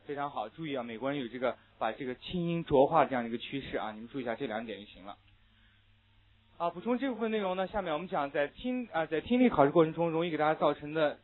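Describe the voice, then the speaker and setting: A male English teacher gives a classroom lecture on linked sounds in listening tests, with "ah" fillers and slow repeat-after-me drills. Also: on the high side. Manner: explains rules with frequent "ah" fillers, then models words slowly. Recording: tinny phone-like audio.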